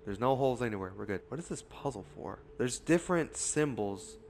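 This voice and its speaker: A young man giving casual gameplay commentary, jumpy and foul-mouthed, yelling and swearing when startled. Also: medium pitch, lively intonation, brisk, slight background noise. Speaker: gaming YouTuber.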